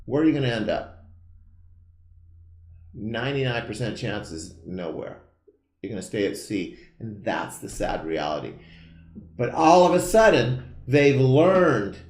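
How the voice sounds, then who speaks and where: A man in his fifties hosting a live show, giving an earnest, emphatic motivational pitch that keeps repeating its key phrases. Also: a little mellow, roomy sound. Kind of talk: motivational sales pitch to camera.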